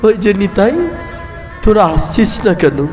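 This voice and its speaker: A man's voice: sits high, unhurried. A male preacher voicing an old devoted holy man who coaxes, scolds and cries out, recorded in an echoey hall with music. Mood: coaxing. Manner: pleading, coaxing, cries out.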